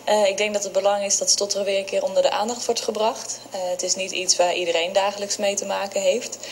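A woman speaking as a guest on a radio interview, calmly explaining and pausing on fillers as she thinks. Her voice sits at a middle pitch, with faint background noise. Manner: calm, explanatory, many filler hesitations. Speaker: speech therapist guest. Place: café.

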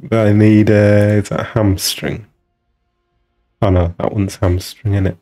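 A man's voice: fairly low pitch, flat delivery, unhurried, mellow, soft background music. A man giving casual, musing commentary while streaming a video game, talking half to himself as he tinkers with settings.

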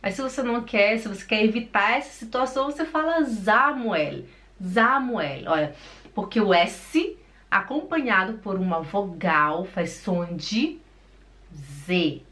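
A woman teaching an online German lesson, patiently repeating words slowly for learners. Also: mid-range voice, sing-song, a bit bright. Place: home in Switzerland.

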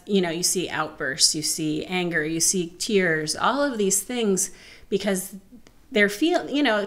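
Middle aged woman kinda low voice, explaining stuff earnestly at a chatty panel, table mic. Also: a bit bright. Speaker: panel guest. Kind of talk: casual round-table discussion about parenting. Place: living room, seated at a round table. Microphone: table-mounted microphone.

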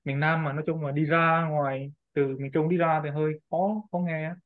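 A man's voice: fairly high pitch, steady tone, fairly quick, no room sound. Chatty man on a tinny call line. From Huế, Vietnam. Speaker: session presenter. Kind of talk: casual group chat on a call. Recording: tinny phone-like call audio, dry.

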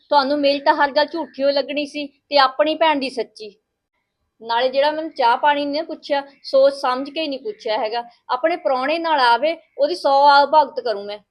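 A woman playing a village wife who lectures her sister-in-law in a sharp, sarcastic way in a family skit. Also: high-pitched, brisk, close to an everyday voice. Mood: lecturing.

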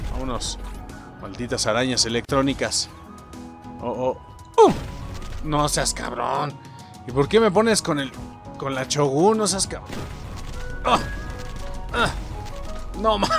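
A young man with a Mexican accent commenting on his own game play, excitable and quick to swear and shout. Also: sits high, vocal fry. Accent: Mexican Spanish. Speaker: gaming streamer. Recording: game music loud behind the voice. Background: game music.

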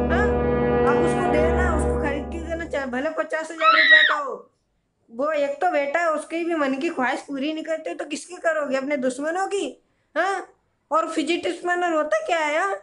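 Young man doing a loud bossy mother. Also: extremely high pitch, fairly even intonation, normal speed, over loud music. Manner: shouting, bossy. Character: loud bossy mother siding with her son.

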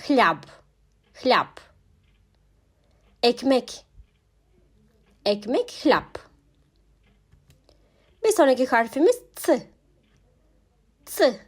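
A young woman teaching a language alphabet lesson, pronouncing each word slowly and repeating it twice. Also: fairly high pitch, slightly rough. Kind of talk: slow spoken alphabet lesson.

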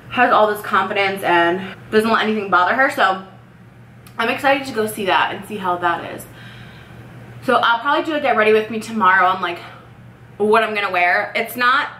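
A young woman in her twenties, a vlogger, chatters upbeat and rambling while doing her makeup in her bedroom, peppering everything with "like." Her voice is medium-pitched and sharp-toned, picked up by a camera mic at desk distance in an echoey room with faint noise.

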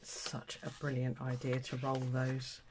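In a very noisy recording, an older woman from England speaks in a rumbling low monotone at a measured pace. She runs a craft channel and, suffering a cold with a stuffed nose, chats casually and self-deprecatingly while her hands pack sewing kits at an indoor table under an overhead camera.

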